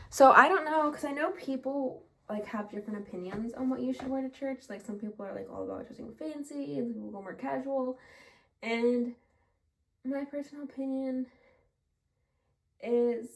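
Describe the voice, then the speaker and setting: This woman's voice is high-pitched and a bit bright, at a normal speed with frequent pauses. Vlogging from home, she chats casually and rambles through plenty of fillers, a little breathless.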